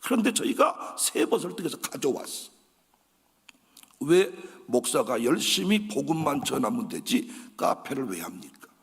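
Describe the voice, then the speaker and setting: A middle-aged pastor with a Jeolla accent, preaching an animated storytelling sermon and acting out conversations in different voices. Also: male voice, mid-range voice, moderate pace, gravelly, slightly rough. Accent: Jeolla Korean. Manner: dramatic, acts out dialogue in shifting voices. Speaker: guest pastor. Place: large church sanctuary. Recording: echoey church hall.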